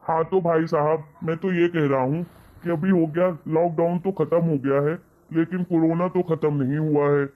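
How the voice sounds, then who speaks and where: A man's voice: a little high, steady tone, moderate pace, narrow, tinny audio, lightly acted. A man voicing an authoritative middle-aged father in a cartoon story, firm and commanding. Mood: polite. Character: middle-aged father, authoritative, short-tempered head of house.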